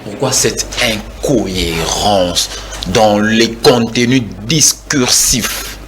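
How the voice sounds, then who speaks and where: Over a noisy background, a low-ish male voice speaks very slowly. The speaker, a Kinshasa native in his forties with a Congolese French accent, is a guest in a televised political debate, arguing heatedly and repeating words as he pushes his argument.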